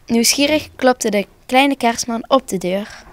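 A woman narrating a children's Christmas story for broadcast, calm and expressive. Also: fairly high pitch, measured pace.

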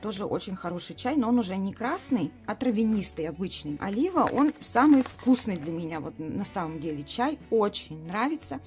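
A woman's voice: mid-range voice, very animated, normal speed, few pauses, darkish tone, soft background music. A woman in her late thirties chatting enthusiastically as she reviews herbal teas at a table, filmed from above. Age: 30s. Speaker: product reviewer. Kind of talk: casual product review. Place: bright room at a table.

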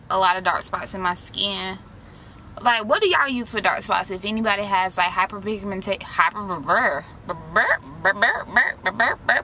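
A woman's voice: medium pitch, bright, forceful tone, slight background noise. A young woman, chatting to her viewers in a slangy, direct way while doing a face mask inside a parked car, recorded on a camera close in front of her. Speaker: vlogger.

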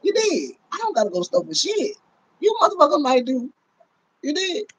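Very high-pitched and fairly bright, the voice of this middle-aged American livestream host swings hugely in pitch as he talks briskly. He rants casually, bluntly and profanely to viewers with emphatic repetition, recorded roughly on a phone or webcam at arm's length at home.

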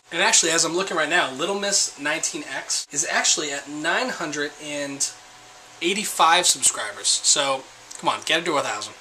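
Young male vlogger, bright, cutting tone, a bit high, rambling and self-mocking, webcam-close in a small room. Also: a little hiss or hum, poor audio. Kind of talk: casual chat to camera.

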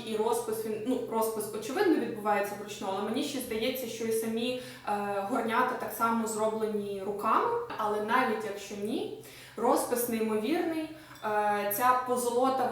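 A woman vlogger chatting enthusiastically as she shows things off, with many filler sounds along the way. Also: on the high side. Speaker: lifestyle vlogger. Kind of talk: casual show-and-tell chat. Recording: echoey room, mic at a distance.

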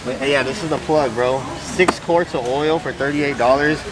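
Casual and slangy, this young man vlogs his trip through a large warehouse store, cracking jokes at a moderate pace in a medium-pitched voice. He's a fitness vlogger, and the store around him is noisy.

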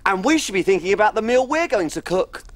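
A woman's voice: medium pitch, expressive, fast talker, natural voice. A woman playing a tiny, cheerful female cook on a children's TV show, bubbly and giggly, telling stories in a sing-song way. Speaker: children's TV presenter. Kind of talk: children's TV acting and storytelling.

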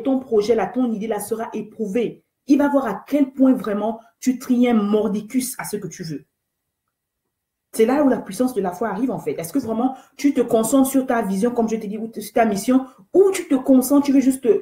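A woman's voice: medium pitch, warm tone, reverberant. A woman hosting a live faith talk, earnest and exhortative, repeating key phrases and greeting viewers by name. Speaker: host of an online faith talk show.

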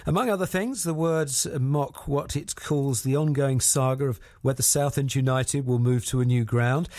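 A man's voice: mid-range voice, a little mellow. Man presenting on local radio. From Southend, England. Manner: measured, conversational questioning. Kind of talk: radio interview.

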